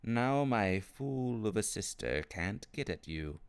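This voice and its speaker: A man's voice: lowish voice, expressive, slow, smooth, voice pushed up. A man voicing a tall, thin, sinister old uncle in a storybook reading, slyly polite and gleefully menacing, drawing out his words. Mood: gloating.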